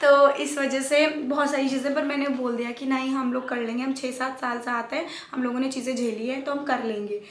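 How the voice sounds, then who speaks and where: A young woman casually telling her love story as a vlogger, animated, slipping English phrases into her talk and acting out family members' lines. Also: sits high, brisk, hardly any pauses, a little hiss or hum. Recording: echoey room.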